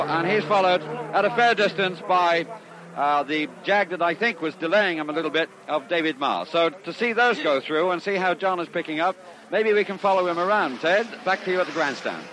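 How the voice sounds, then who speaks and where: A man giving measured, descriptive live motor-racing commentary, heard on an old 1960s archive recording. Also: sits high. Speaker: race commentator. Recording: noisy vintage outdoor broadcast recording.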